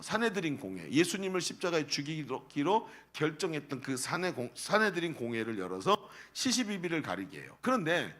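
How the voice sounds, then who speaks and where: A man's voice: fairly high pitch, a bit bright. A male pastor preaching a sermon, asking the congregation rhetorical questions.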